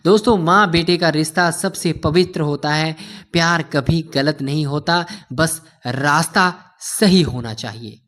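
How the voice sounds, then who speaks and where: Male storyteller, heartfelt, calls listeners friends, slow delivery, fairly high voice. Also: a bit bright. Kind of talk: emotional storytelling narration.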